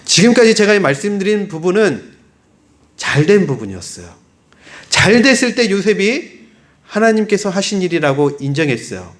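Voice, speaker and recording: A man's voice: high voice, very animated, moderate pace. A male pastor giving a conversational sermon, asking his listeners questions and acting out short everyday dialogues. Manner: conversational preaching with acted-out example dialogues.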